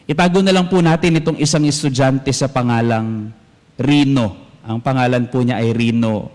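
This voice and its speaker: A young adult male priest giving an animated homily, telling a story and switching between languages as he acts out what people said. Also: medium pitch, normal speed. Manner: animated, mixes languages, acts out quoted voices. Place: large church. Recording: echoey church with long reverb.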